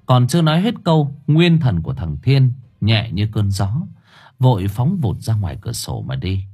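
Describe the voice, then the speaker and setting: A man narrating an audiobook story in an expressive, dramatic way. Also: on the low side, normal speed, breathy edge, faint music behind.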